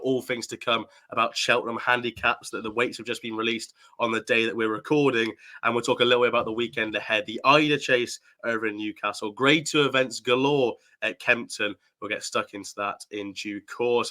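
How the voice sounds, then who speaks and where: A man's voice: medium pitch, pushed and bright. Upbeat man hosting a racing chat. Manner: upbeat, teasing presenter. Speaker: host of a horse racing tips show. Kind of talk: casual racing preview chat.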